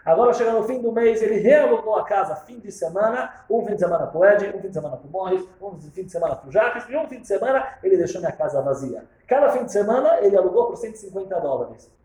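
A man giving a lively lesson on religious law, telling stories and acting out the dialogue with sudden jumps in pitch. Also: fast talker, few pauses, echoey room, rough recording. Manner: animated, acts out dialogue with sharp pitch jumps.

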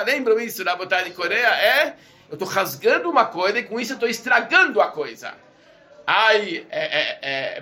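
A man teaching a Talmudic lesson, reasoning aloud in an animated way and often repeating words. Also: sits high.

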